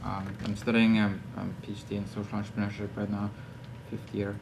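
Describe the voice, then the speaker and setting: Gravelly young man from Norway. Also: on the low side, monotone, a little fast, noisy background. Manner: hesitant, searching for words. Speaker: audience member asking a question.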